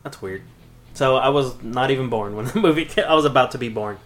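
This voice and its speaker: A man's voice: medium pitch, a little fast, a bit bright. A man in his thirties co-hosting a podcast, chatting casually about a movie, laid-back and profane, often laughing. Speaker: podcast co-host.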